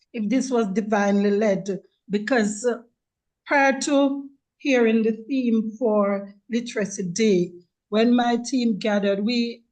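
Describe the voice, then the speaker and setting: A woman's voice: on the high side, mellow, low-quality recording. A woman speaking up as a webinar attendee over a video call, earnest and hesitant. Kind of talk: audience comment.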